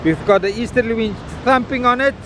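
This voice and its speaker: A man's voice: very high-pitched, fairly quick. A South African man narrating a casual vlog outdoors, speaking informally to viewers and repeating phrases for emphasis, with wind noise on the recording. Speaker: vlogger filming a morning beach walk. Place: outdoors on a windy beach. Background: wind and outdoor ambience.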